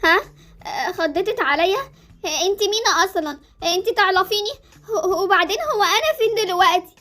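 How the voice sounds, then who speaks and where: A very high-pitched, stubborn little girl with an Egyptian accent, voiced by a woman, who answers back in a sing-song way. Light music plays under the voice. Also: fast, pushed and bright. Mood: confused. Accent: Egyptian Arabic. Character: cheeky stubborn young girl. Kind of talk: Roblox series voice acting.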